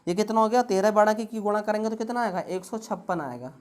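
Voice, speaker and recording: A woman teaching an exam-prep math lesson, asking rhetorical questions at every step as she works the problems through. she speaks at an ordinary pitch, patient and methodical. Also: fast, darkish tone. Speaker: math tutor.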